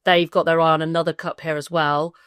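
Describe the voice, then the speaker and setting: English woman podcast co-host, low-pitched, rambling and giggly, dry slightly rough recording. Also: little pitch movement, a little fast, a bit bright, no room sound. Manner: chatty, giggly, trails off mid-sentence. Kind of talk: casual football chat.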